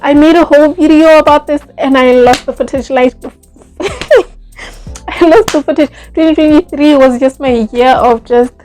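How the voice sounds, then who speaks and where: A young woman, telling a personal story in a casual, animated vlog, full of fillers like "like" and "yo". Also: sits high, moderate pace, soft background music. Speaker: vlogger.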